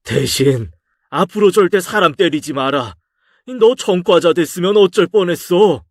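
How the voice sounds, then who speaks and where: A man's voice: high voice, expressive, unhurried, no room sound, studio quality, voice pushed up, full character voice. A man doing a stern scolding father. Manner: raised, scolding and exasperated. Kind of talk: audio drama story reading.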